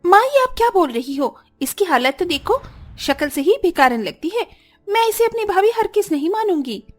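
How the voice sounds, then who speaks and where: A woman's voice: very high-pitched, sing-song, moderate pace, faint music behind, voice pushed up. A woman voicing a sneering spiteful young sister-in-law. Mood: scornful. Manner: sneering, taunting. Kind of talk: cartoon story voice acting.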